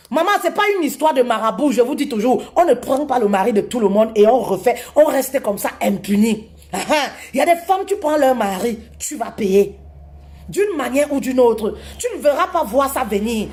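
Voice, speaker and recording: Animated higher-voiced woman coach. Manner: animated, laughing, addresses listeners as "maman". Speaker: relationship coach. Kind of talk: casual advice talk.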